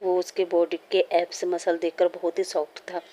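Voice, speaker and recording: A woman narrating a fan-fiction story in a steady, plain storytelling manner. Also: fairly low pitch, normal speed.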